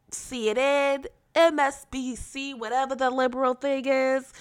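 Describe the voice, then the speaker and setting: Sitting high in pitch, her voice comes out pushed and bright, and a cold has left it nasal and congested. She's a young podcast host on a casual political show, blunt, sassy, and emphatic.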